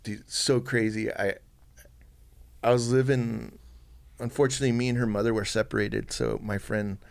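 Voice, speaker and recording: A man, a podcast guest telling a personal story softly and haltingly, with many fillers and restarts. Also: on the low side, level tone, vocal fry.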